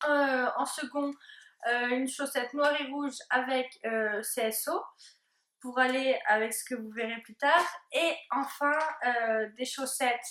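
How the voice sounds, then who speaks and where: Young woman co-host, casual haul talk, hesitant, slightly high voice, roomy sound. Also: a little slow, a bit bright. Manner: hesitant, many fillers, explanatory. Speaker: vlogger. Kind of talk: casual haul video chat. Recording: echoey room.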